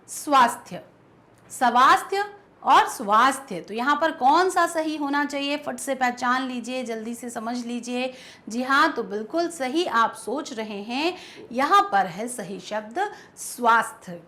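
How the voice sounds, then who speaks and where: Woman teacher, high voice, animated delivery, spells words out slowly for students. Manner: patient, drawn-out pronunciation of example words. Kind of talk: online grammar lesson.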